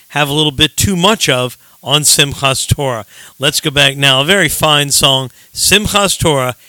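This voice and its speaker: A man hosting a radio program and introducing old records in a casual, unhurried way with filler ums. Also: fairly high pitch, bright, forceful tone, dry recording. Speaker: radio host.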